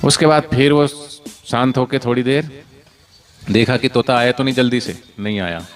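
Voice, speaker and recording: A man telling a devotional story to children, animated, with frequent call-and-response prompts. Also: mid-range voice, moderate pace, music in the background, crowd noise. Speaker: spiritual storyteller.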